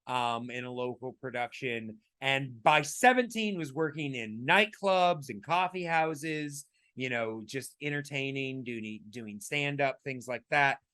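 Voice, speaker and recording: A man co-hosting a podcast in casual chat, his voice raspy, talking emphatically with many fillers and restarts. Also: medium pitch, lively intonation, measured pace, few pauses, sharp tone. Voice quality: raspy today. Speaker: podcast co-host.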